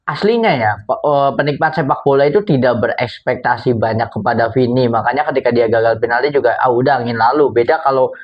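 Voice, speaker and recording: A man's voice: mid-range voice, fairly quick, dull audio. A man co-hosting a casual football chat, agreeing often and laughing, with slangy fillers. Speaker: football podcast co-host.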